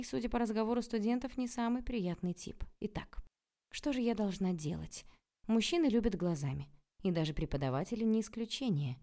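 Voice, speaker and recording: A woman reading a first-person audiobook in a lively, sarcastic and dramatic way. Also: medium pitch. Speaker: audiobook narrator.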